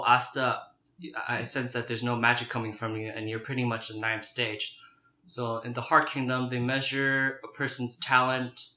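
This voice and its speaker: A young man with a bright, forward voice hosts a casual eating video over crunchy fried chicken. He talks to the camera in a halting, conversational way. The sound is roomy, as in an echoing home kitchen. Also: mid-range voice. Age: young adult. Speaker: mukbang video host.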